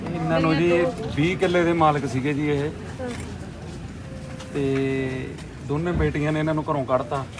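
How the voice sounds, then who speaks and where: A man's voice: on the high side, level tone, normal speed, background noise. A man respectfully and plainly explaining an elderly woman's situation. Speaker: local helper explaining the case.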